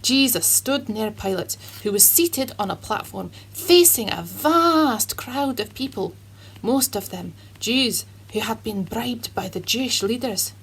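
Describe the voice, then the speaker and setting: A woman voicing a cheerful Scottish man who tells a Bible story to children in an earnest, dramatic way, with a husky voice and a put-on Scottish accent. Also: on the high side, animated, measured pace, a bit bright, heavily acted, low-quality recording. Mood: solemn.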